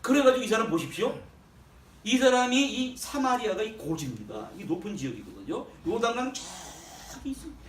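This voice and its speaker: A pastor preaches a sermon with big, fairly quick swings in his voice, rising and falling sharply in pitch and volume to drive his points home. His delivery is emphatic. The recording has a roomy echo, a faint background hum, and his voice sounds distant.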